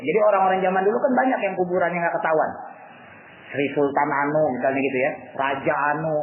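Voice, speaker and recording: A man's voice: on the high side, fairly even intonation, fast talker. A man giving a casual religious lecture in a colloquial, joking way, often acting out what others said. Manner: colloquial and joking, acts out quotes. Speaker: religious teacher. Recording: tinny echoey lo-fi recording with faint noise.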